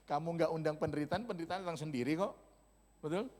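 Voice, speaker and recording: A man's voice: a little high, moderate pace, darkish tone. A male pastor preaching a sermon, telling stories in a humorous, casual, slangy way. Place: church hall. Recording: long church-hall reverb.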